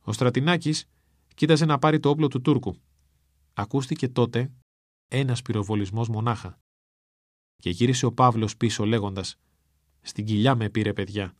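A man narrating a written story in a measured, solemn reading. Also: mid-range voice, no room sound, clean studio sound.

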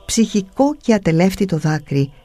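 A man voicing a solemn, gentle monk. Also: high voice, big pitch swings, soft background music.

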